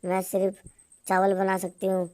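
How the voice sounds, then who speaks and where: एक महिला कार्टून कहानी में एक ईमानदार, डरी हुई और गिड़गिड़ाती गाँव की लड़की की आवाज़ सपाट वाचन में पढ़ रही है।. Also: female voice, medium pitch, normal speed, natural voice. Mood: pleading. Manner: monotone storybook reading. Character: honest young village girl, frightened and pleading.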